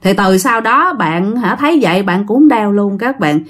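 A woman's voice: mid-range voice, expressive, normal speed. A woman narrating a listener's ghost story in a chatty way, talking straight to her audience. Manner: chatty, addresses listeners directly.

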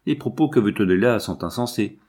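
A man's voice: lowish voice, animated, darkish tone, husky. A man reading aloud and voicing a severe but kindly older householder. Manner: measured, severe.

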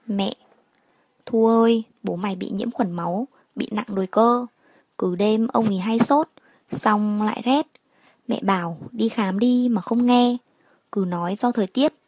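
A woman's voice: medium pitch, a little slow, darkish tone, no echo. A woman voicing an anxious, plain-spoken middle-aged mother in a spoken story. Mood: worried.

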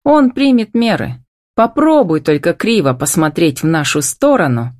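A woman voicing a spirited, feisty young wife who speaks brightly and raises her voice high. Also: very animated, moderate pace.

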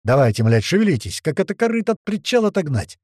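Man shouting as a rough barking commander. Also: fairly high pitch, very animated, fast talker, dry recording, clean studio sound, pitched above the performer's own voice. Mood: yelling orders. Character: rough profane male squad commander barking orders.

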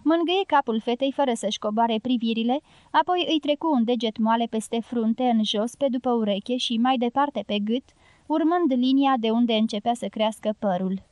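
A woman narrating a novel as an audiobook reader, in an even, measured reading. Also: on the high side, no echo.

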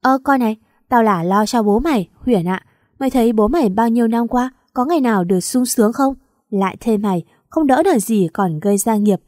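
A woman reading the part of a meddling, sharp-tongued middle-aged aunt with a harsh, pushy way of talking. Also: fairly high pitch, lively intonation, brisk, no echo, studio quality, lightly acted.

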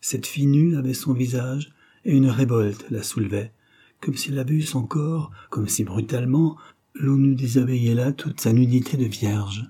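A man narrating a classic novel in a measured, even manner. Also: mid-range voice, breathy edge. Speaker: audiobook narrator. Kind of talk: scripted literary narration.

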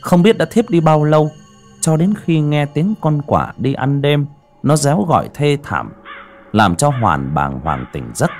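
A man narrating a scripted horror story with a dramatic, breathy delivery. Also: a little high, very animated, measured pace, darkish tone. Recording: faint background music.

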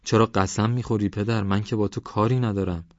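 A man voicing a calm, patient young man who reassures a frightened stranger. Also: lowish voice, no echo, pitched above the performer's own voice, natural voice. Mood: reassuring. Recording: dry, slightly dull recording.

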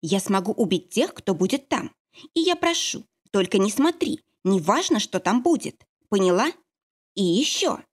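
A woman's voice: medium pitch, big pitch swings, normal speed, slightly rough. A woman reading an audiobook, voicing a fierce young heroine who snaps and growls orders. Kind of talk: audiobook character voice.

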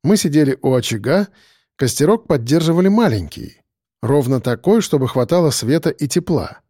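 A male audiobook narrator with a dark, mellow tone, pitched slightly above the average man. His reading is measured and steady, and the sound is dry and close with no room in it. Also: no room sound.

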